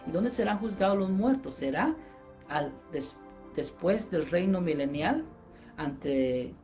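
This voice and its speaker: A woman's voice: lowish voice, expressive, slow, darkish tone, soft background music. A woman giving a Bible-teaching sermon, preaching emphatically and peppering her points with "amen" and "brothers".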